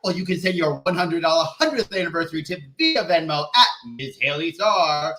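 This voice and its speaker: A man's voice: on the high side, a little fast, bright, forceful tone. A man chiming in playfully and campily as a sidekick co-host in casual live banter. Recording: echoey room with background noise.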